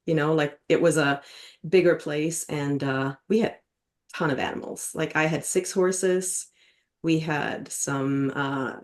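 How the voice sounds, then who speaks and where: A woman with a notably low voice, raised in Sweden with Swedish as her first language. She talks easily and casually as a podcast guest, rambling through her background in a relaxed, chatty way. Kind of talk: casual interview chat.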